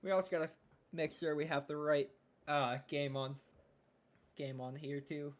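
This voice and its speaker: A man's voice: on the high side, fairly even intonation, normal speed. A young man streaming live, chatting casually and thinking aloud as he works on a game, often trailing off into mumbles.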